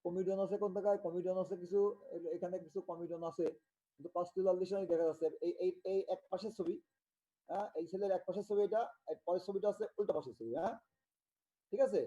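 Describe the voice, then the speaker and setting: A man from Bangladesh teaches an online medical tutorial in a high, very dark and mellow voice. He talks haltingly, restarting and repeating terms and often checking that students follow. The audio is dull and lo-fi. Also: fairly even intonation. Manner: halting, repetitive, with many restarts and check-ins. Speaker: medical lecturer.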